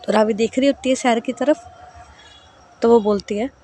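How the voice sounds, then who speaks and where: A woman's voice: on the high side, normal speed, mellow, a little hiss or hum. A woman narrating a romantic story in a casual, chatty way, mixing in English words and fillers.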